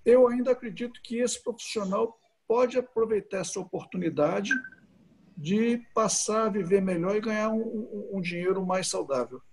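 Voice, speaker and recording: Speaking as a guest on a video call, the president of a tourism association fields questions in an online talk, often hesitating and starting over. His voice is high with a darkish tone, and he keeps a moderate pace.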